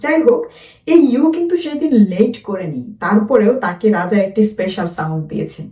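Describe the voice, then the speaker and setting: Woman teaching phonics slowly in a roomy space. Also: medium pitch, very animated, mellow. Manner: slow, drawn-out repetition of letter sounds. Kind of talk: children's phonics lesson. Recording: roomy echo, distant from the mic.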